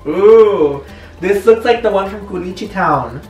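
This young man's high, expressive voice has a darkish tone and moves a little slowly, and the audio sounds dull. He's joking and chatting casually while filming a home cooking vlog in his kitchen, where the room echoes, the mic sits far away, and faint music can be heard.

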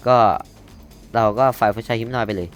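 A man's voice: medium pitch, little pitch movement, a little slow, soft background music. A young man hosting a casual coding lesson, thinking aloud as he types and reading code out word by word, correcting himself as he goes. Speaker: coding tutorial host.

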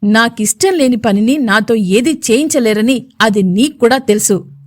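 A woman's voice: fairly high pitch, animated, moderate pace. A woman playing a stern, protective young man. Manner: stern, warning, angry.

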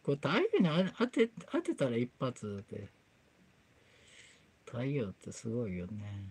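Slow-talking Kansai woman streamer, chatty repair session, pitch all over the place. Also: sing-song, warm tone, breathy edge. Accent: Kansai, with Kyoto dialect. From Kansai, Japan. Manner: chatty, mutters to herself as she works. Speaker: livestream host. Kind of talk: casual livestream chat while doing a repair.

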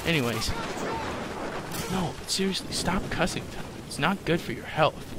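A man's voice: on the high side, lively intonation, normal speed, background noise. A young man giving casual, rambling gameplay commentary, joking and swearing, then scolding himself for it. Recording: game music behind the voice.

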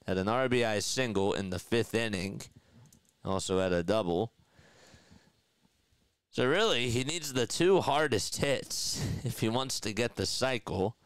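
A man in his thirties with a Philadelphia accent calls a baseball game live over a headset boom mic, chatting with viewers and reading their comments aloud. He's chatty and laughs often, his lowish voice clean and measured in pace. He broadcasts from a desk setup in a small indoor room, with no room sound in the recording.

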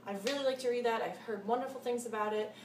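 A book-reviewing vlogger in her twenties talks quickly to camera in a voice on the high side, gushing about books and repeating words for emphasis. She's in a small, cluttered room at home, picked up by a camera mic a short distance away, with echo and faint hiss.

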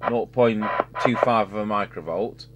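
Speaking at a measured pace in a fairly low voice, a radio repair technician and host offers unscripted commentary as he works hands-on at an indoor electronics workbench, thinking out loud. Hum and radio hiss make the recording noisy.

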